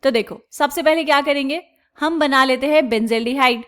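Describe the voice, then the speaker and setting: A woman with a high, somewhat bright voice teaches chemistry step by step on a board, posing questions to the class and answering them herself. She calls students "beta" and slows down to stretch out technical terms.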